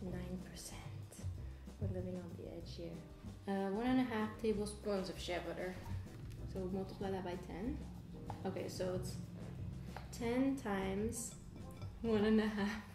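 A woman's voice: medium pitch, measured pace. A young woman hosting a casual vlog, chatting and laughing while making deodorant at a kitchen table, swearing now and then. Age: young adult. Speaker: vlog host. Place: home kitchen table, indoors. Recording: roomy home room with music.

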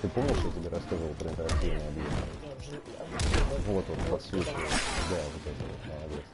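A man with a low voice hosts a live game stream. He chats casually in halting phrases, with loud game music behind him. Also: fairly even intonation. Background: loud fighting game sound.

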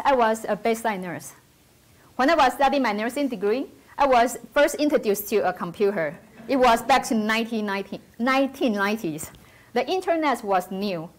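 A woman from Taiwan in her forties with a Taiwanese accent, giving a careful, earnest prepared talk as a nursing professor on an auditorium stage. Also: a little high.

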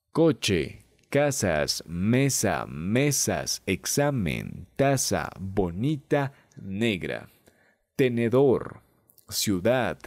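Man, textbook lesson read aloud, careful word-by-word delivery, very slow, dry booth sound. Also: lowish voice, darkish tone, no room sound. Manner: slow, careful reading of example words one by one. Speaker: language teacher reading a textbook.

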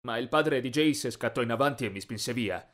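A man narrating a teen story in the first person, expressive and dramatic. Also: medium pitch, normal speed.

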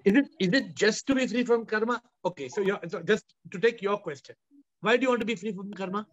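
A man in his fifties with an Indian accent leads a spiritual question-and-answer session. His voice is high for a man, and he repeats questions for emphasis. The sound is dull, compressed video call audio. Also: quick pace. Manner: emphatic, repetitive, rhetorical questioning. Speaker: host and spiritual teacher.

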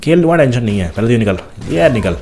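A young man casually commenting on his own gameplay, talking fast and teasing the enemies on screen. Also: medium pitch, very animated, darkish tone, a little hiss or hum. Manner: chatty, teasing enemies, talks fast while playing.

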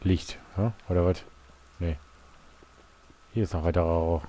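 A man doing casual, low-key let's play commentary, thinking aloud as he plays. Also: steady tone, measured pace, mellow. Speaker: let's player. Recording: faint game noise behind.

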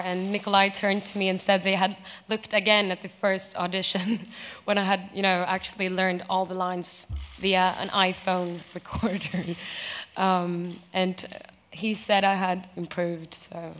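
A woman's voice: medium pitch, a bit bright. A young woman from Sweden answers at a press conference into a table microphone, hesitant and laughing a little. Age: young adult. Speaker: actress on a press panel. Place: large press conference room.

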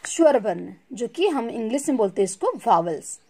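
A woman's voice: on the high side, sing-song, brisk, mellow, husky. A woman teaching a recorded lesson, asking questions and answering them herself, mixing in English words. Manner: mixes English words into Hindi.

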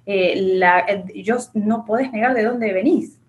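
A woman's voice: mid-range voice, a little slow. Self-assured Argentine woman, earnest. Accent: Argentine Spanish. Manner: earnest and self-assured, with many fillers and restarts. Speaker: interview guest, accountant and business owner. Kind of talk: reflective interview answers. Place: small indoor office with a framed picture.

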